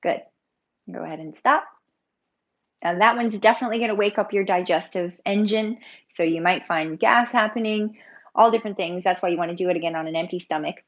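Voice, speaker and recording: A woman's voice: fairly low pitch, brisk, dull audio. A woman yoga teacher leading a live online breathing workshop, talking in a chatty, informal way and laughing often.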